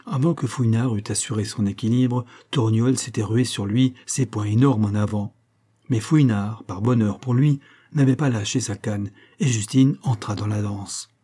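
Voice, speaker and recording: Un homme qui lit un roman policier en livre audio, d'un ton dramatique et vivant. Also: male voice, on the low side, normal speed, dark tone, breathy edge. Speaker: audiobook reader. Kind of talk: audiobook narration of a crime novel.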